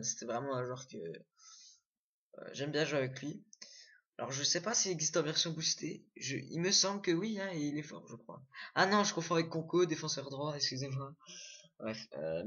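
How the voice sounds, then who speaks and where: A man's voice: a little high, fairly bright tone, highs cut off. A young man casually commenting on his own screen recording, full of fillers and self-corrections. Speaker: gaming video creator.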